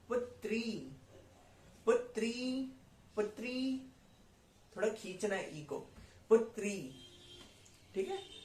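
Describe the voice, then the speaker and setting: Male language teacher, high-pitched, slow and patient, repeating each word for students; echoey room. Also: darkish tone, slight background noise. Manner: repeats words slowly for learners to copy. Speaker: Sanskrit teacher. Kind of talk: pronunciation lesson.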